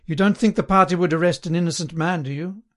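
In an audiobook novel, a male narrator voices a chummy, servile party man with a fast, fairly bright delivery pitched on the high side. The character chats eagerly and earnestly, sounding sententious and sanctimonious while pleading servilely.

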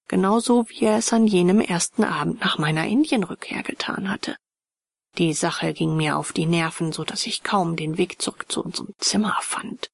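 A woman narrating a ghost story in a measured, hushed voice that often drops to a whisper. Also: fairly low pitch, gravelly, breathy edge, no echo. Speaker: audiobook narrator.

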